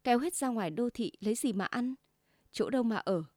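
A woman's voice: fairly high pitch, lively intonation, a little fast, mellow, no room sound, clean studio sound. A woman voicing a hot-tempered middle-aged husband who smokes and lectures his wife, with a grumbling manner. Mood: grave.

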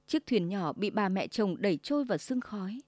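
A woman narrating a sad folk tale in a slow, lyrical and emotive way. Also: medium pitch, lively intonation, darkish tone, dry recording. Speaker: storyteller. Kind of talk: scripted story narration.

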